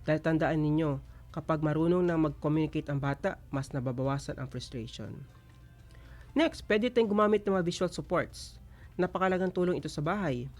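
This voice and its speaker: A man and father explaining parenting strategies calmly, switching between Tagalog and English. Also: fairly high pitch, fairly quick, soft background music. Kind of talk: talk show advice segment.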